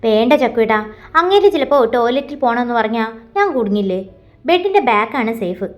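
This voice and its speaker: A woman's voice: a little high, sing-song, a little fast, faint music behind. Woman reading a bossy, jumpy young woman.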